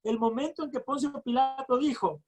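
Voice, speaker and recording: A woman's voice: high voice, a little mellow, breathy edge. Fervent woman preaching. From Ecuador. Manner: fervent, reads scripture slowly, exclaims often. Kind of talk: sermon with scripture reading. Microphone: recorded sermon.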